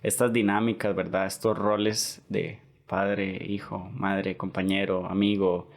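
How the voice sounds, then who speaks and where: A man's voice: deep voice, level tone, measured pace, gravelly. A young Costa Rican man hosting a casual podcast interview, chatty and peppering his talk with "¿verdad?". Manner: chatty, repeats "¿verdad?" often. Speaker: podcast host.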